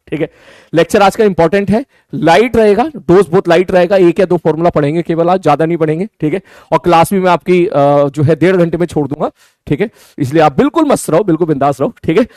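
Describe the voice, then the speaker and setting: A young man teaching a physics class, his voice pitched high for a man. He is chatty and joking, calls his students brother, and keeps repeating key phrases and answering his own questions. The sound is dry and close. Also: a little mellow, dry recording. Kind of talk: casual online class lecture.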